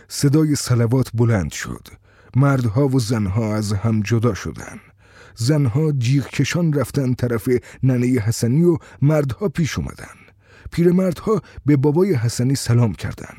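A man reading a first-person story in a steady, conversational storytelling way. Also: medium pitch, slightly rough, no echo, studio quality.

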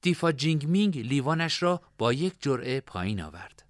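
A man narrating a fantasy story in expressive storytelling style. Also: mid-range voice, dry recording, studio quality.

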